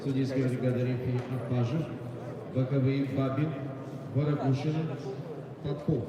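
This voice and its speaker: A man's voice: medium pitch, little pitch movement, moderate pace. A man working as a boxing ring announcer, formally calling up fighters and officials and drawing out names. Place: large indoor sports hall with crowd. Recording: echoey sports hall PA from far off, crowd noise.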